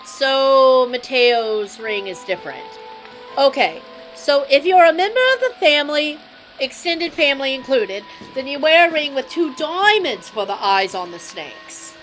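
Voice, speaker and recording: A woman's voice: high voice, expressive, unhurried, a bit bright, faint music behind, low-quality recording. A woman playing a sleazy Jersey mobster. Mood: explaining. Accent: put-on New Jersey. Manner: brash, teasing mob-guy drawl. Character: sleazy swaggering male mobster, middle-aged. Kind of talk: voicing game dialogue on a live stream.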